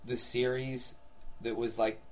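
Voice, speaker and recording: Mid-pitched guy on a podcast, blunt and cussing a lot, grumbly teasing chat. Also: little pitch movement, slow, a little mellow. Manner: profane, blunt, grumbling banter. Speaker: podcast co-host. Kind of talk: casual chat.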